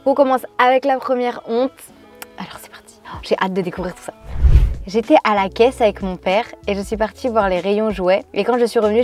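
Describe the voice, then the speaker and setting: A woman vlogger chatting casually, reading out viewers' stories and reacting to each one in an animated way. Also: mid-range voice.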